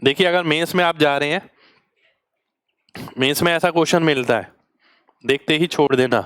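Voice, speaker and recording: A man's voice: fairly high pitch, normal speed, a bit bright, clean tone, dry recording, clean studio sound. A man teaching a maths exam-prep class, explaining each step patiently in with terms and often asking students whether they understood. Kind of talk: online exam-prep lecture.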